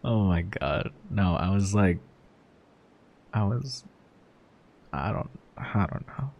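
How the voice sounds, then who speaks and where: Man acting a sheepish, gravelly-voiced embarrassed boyfriend. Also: deep voice, expressive, muffled recording, heavily acted. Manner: halting, casual, swearing. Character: sheepish, embarrassed boyfriend caught by his partner. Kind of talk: conversational audio role-play.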